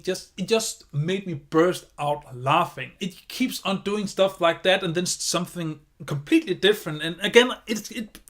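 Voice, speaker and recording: A man's voice: high-pitched, fairly bright tone. A man giving a casual video review of a TV series, enthusiastic and rambling, often circling back on his points.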